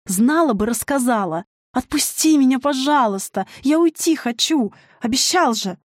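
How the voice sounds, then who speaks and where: A woman voicing a terrified young runaway woman who pleads hoarsely through tears in a storybook reading. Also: on the high side, animated, normal speed, a little mellow, no room sound, clean studio sound. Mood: pleading.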